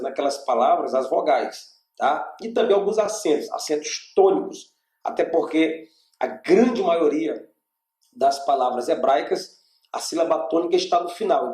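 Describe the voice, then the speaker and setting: A man's voice: fairly high pitch, darkish tone, reverberant. A man with a Brazilian Portuguese accent teaching an online class on biblical Hebrew, explaining step by step and checking in with his students. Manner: explanatory, checks in with frequent "tá?" and "gente". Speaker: Bible language teacher. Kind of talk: online lecture with slides.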